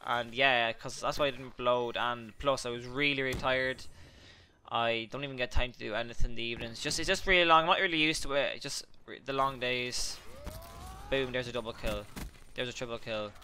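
Young male gamer, bright voice, rambling excitable play-by-play with swearing, faint hiss and clicks. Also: medium pitch, fairly quick. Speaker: gaming channel host. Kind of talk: live gameplay commentary.

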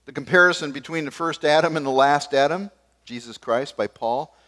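An older man preaching a sermon from a church pulpit, gesturing as he moves between forceful emphasis and sudden quiet asides. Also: fairly high pitch, normal speed. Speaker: pastor. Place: church stage behind a wooden pulpit.

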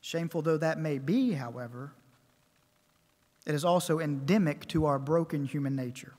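A man preaching a sermon at a pulpit microphone, measured and emphatic, building his points with repeated phrases. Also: a little high, warm tone. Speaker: pastor. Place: church sanctuary. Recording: long church reverb.

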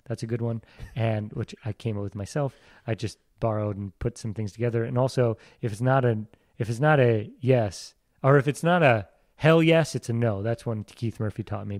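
A man's voice: mid-range voice, steady tone, a little fast, a little mellow, no room sound, clean studio sound. Reflective, self-deprecating man. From Iowa. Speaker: actor, podcast guest. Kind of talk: casual interview talk.

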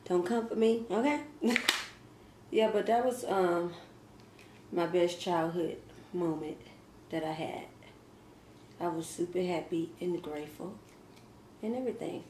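Her voice is fairly low and dark, her pace measured, and she pauses often. The thirty-something mukbang vlogger eats while chatting through viewer questions, laughing frequently and speaking between bites, recorded by a fixed camera across a table in an echoey home kitchen with faint ambient sound.

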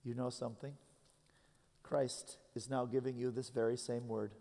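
A man in his thirties delivers a sermon in a church sanctuary, earnest and measured, drawing out the phrases he wants to land. His voice sits at an ordinary middle pitch. The sound carries a long hall reverb from the big room. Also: level tone, creaky, dark tone. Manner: earnest preaching with slow, stressed phrases. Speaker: pastor.

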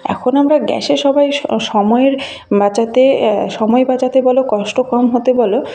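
A woman's voice: on the high side, steady tone, measured pace. A woman in her thirties from Bengal, chatting to viewers on a casual village vlog as she walks through a garden filming on her phone. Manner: chatty, gently enthusiastic, talks to viewers while showing things. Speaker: village vlogger. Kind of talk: casual walking vlog narration. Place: outdoors in a rural garden and fields. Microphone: handheld phone camera.

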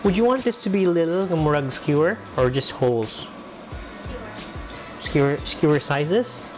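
Music plays as a young Filipino-accented vlogger from the Philippines cooks at home, chatting to the camera in a slightly high, expressive voice. He takes his time, dropping playful asides along the way.

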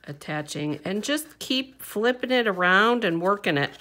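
This papercraft instructor works at her desk, chatting casually through each step with fillers and soft hums. Her medium-pitched voice is animated, bright and forceful, and her pace is a little slow.

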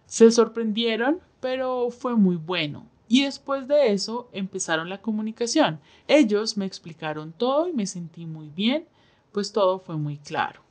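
A woman interprets a signed interview aloud, speaking in the first person for the signer. Her voice sits at an ordinary middle pitch. She keeps a measured, steady pace with short pauses between phrases. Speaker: sign language voice interpreter.

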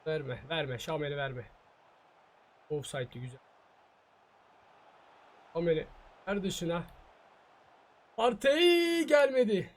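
A man's voice: fairly high pitch, animated, slow pace, long pauses, slight background noise. A gaming YouTuber reacting to his own soccer video game match, muttering in frustration and taunting his opponent. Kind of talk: live gameplay commentary.

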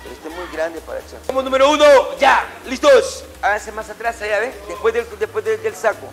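His voice sits high and a bit bright, with lively intonation and a slightly fast pace, over soft background music. The middle-aged man is a martial arts instructor in a matted indoor gym, calling out drills and repeating brief, commanding orders and corrections to the class.

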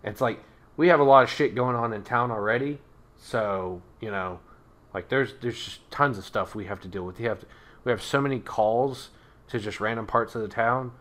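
A blunt town guard, worn down by the town's troubles, rambles on in a bright, forward voice, played by a man running the game. He talks at an ordinary middle pitch, exasperated and plain. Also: moderate pace, lightly acted. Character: male town guard captain, harried and blunt.

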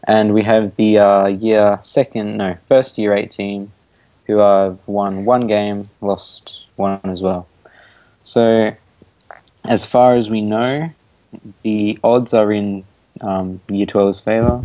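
Low-voiced Australian teen caster. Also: male voice, steady tone, slow pace, warm tone, dry recording, poor audio. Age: teens. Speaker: student shoutcaster. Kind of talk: casual esports commentary.

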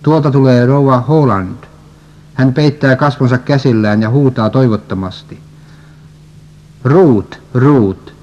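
A man steadily reading a religious prophecy story and scripture aloud, at an even pace, on a dull lo-fi recording. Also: medium pitch. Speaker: reader.

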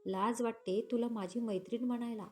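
Brief: woman reading a loyal young woman, firm and indignant, fairly high voice, Marathi storybook. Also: fairly even intonation, moderate pace, faint music behind, natural voice.

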